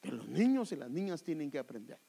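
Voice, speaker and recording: Animated pastor preaching. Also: male voice, on the high side, fast talker, gravelly, breathy edge. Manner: animated preaching, acting out quoted voices, addressing listeners as brother. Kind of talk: sermon.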